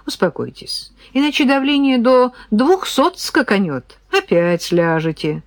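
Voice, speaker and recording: A woman voicing a brisk, practical woman who talks firmly to calm a quarrel, in an audiobook. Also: on the high side, no room sound, studio quality, pitched above the performer's own voice.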